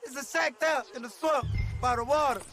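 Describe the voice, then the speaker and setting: A man's voice: very high voice, brisk, bright, forceful tone, soft background music, full character voice. A man voicing a desperate frontier husband frantically begging a stranger for help. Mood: frantic.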